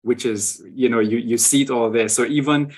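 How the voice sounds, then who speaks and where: A man's voice: medium pitch, fairly even intonation, moderate pace, a little mellow. Man explaining with frequent "right?". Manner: tag questions, frequent restarts. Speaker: guest sharing travel photos. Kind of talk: conversational explanation.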